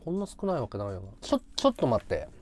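Rambling male streamer, lively pitch. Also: racing. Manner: rambling, muttering to himself while calculating. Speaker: live streamer. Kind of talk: casual livestream chat.

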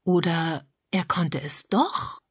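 A woman's voice: on the low side, animated, slow, breathy edge, dry recording, studio quality, full character voice. A woman reading an agitated lady sleuth. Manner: agitated, pressing.

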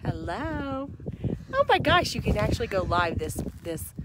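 A middle-aged woman streaming live from a mountain hike on her phone, tired from the climb, greeting viewers by name with excited chatter and frequent laughter. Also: mid-range voice, measured pace, heavy background noise. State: tired from hiking. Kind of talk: casual live-stream chat. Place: outdoors on a mountainside. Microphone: phone held at arm's length.

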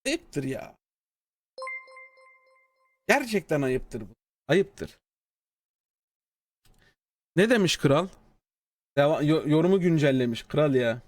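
A man live-streaming, reading out a developer's comment and answering it in a sarcastic, mocking way, his voice swinging from low mutters to high exclamations. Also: animated, slow, pauses often, dry recording. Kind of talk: casual live-stream talk.

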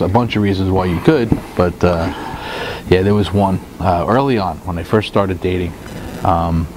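Brief: middle-aged male co-host, lowish voice, animated rambling storyteller, lapel mic, steady hiss of background noise. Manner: rambling, animated, many fillers and restarts. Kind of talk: casual storytelling chat. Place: indoor studio room with guitars on the wall. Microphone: lapel mic with headphones.

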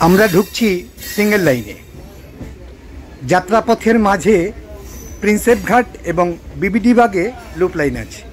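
A man with a high, expressive voice narrates a local train journey as a travel vlogger, pointing out sights along the way. He speaks at a normal speed with long pauses, giving calm guided narration over the train footage.

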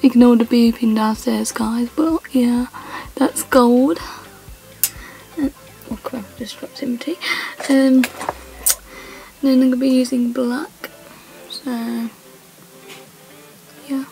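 Young female vlogger at home, fairly high and raspy-edged, giggly, self-correcting, filler-heavy. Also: steady tone, slow pace, pauses often, dark tone, faint music behind, poor audio. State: voice sounds odd, she says. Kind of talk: casual chat to camera. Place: home, indoors.

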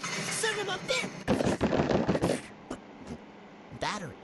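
A young gamer talking through a voice changer, rambling excitably and swearing while playing, with a cold and hiccups. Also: very high voice, drawn-out words. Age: student. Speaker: gamer vlogger. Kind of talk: casual gameplay commentary. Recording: loud background noise.

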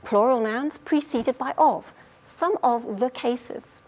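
A woman playing an earnest lady grammar detective who explains rules clearly and patiently. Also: fairly high pitch, slow, a little mellow. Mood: explaining. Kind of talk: scripted grammar lesson skit.

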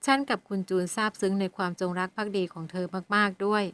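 Audiobook: woman playing a composed middle-aged male patron, gentle and measured. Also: mid-range voice, smooth, dry recording, lightly acted. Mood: soothing. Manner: measured, gentle, even-tempered.

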